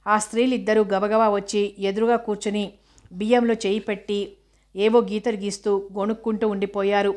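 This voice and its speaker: A woman narrating a novel aloud in a steady, even storytelling manner. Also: mid-range voice, normal speed. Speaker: audiobook narrator.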